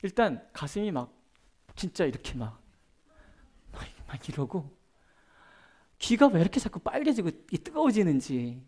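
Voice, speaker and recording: A middle-aged man preaching a prayer-meeting sermon as a pastor, chatting through personal stories and moving between loud emphasis and soft, hushed asides. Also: sits high, sing-song, moderate pace, pauses often, a little hiss or hum. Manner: conversational, tells personal stories with gestures.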